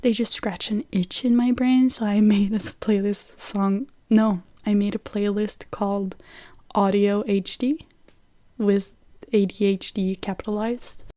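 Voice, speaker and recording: A young Norwegian vlogger with a Norwegian accent chats casually and lists songs, using lots of "like" fillers. Her medium-pitched voice is steady and dark in tone, a little slow, with no echo.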